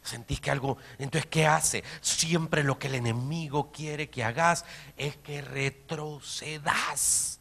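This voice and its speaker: A man, a pastor preaching a sermon, swinging between quiet, close remarks and loud, emphatic repeated phrases. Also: a little high, fairly even intonation, slow, gravelly. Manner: dynamic preaching, swinging from soft to shouted emphasis.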